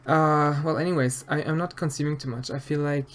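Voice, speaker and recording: An Austrian streamer with an Austrian German accent answers his live-stream chat while sculpting, speaking hesitantly and softly with many fillers and restarts. His voice is on the high side, fairly even in intonation, and a little fast.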